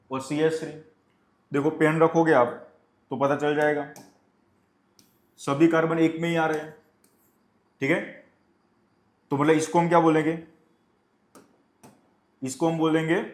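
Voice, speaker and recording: With a slightly high voice, a male chemistry teacher lectures his class, supplying his own answers to the questions he asks and slowly dictating definitions. The sound is roomy.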